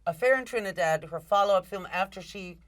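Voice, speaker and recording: A woman's voice: mid-range voice, a little fast. A woman hosting a talk show, chatting frankly with salty asides. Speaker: host. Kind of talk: casual interview chat.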